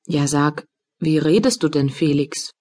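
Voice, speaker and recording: A woman voicing a tender, anxious young woman in an audiobook, speaking gently and caringly to her partner. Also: sits low, measured pace, voice pushed down. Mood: worried. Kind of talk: audiobook dialogue reading.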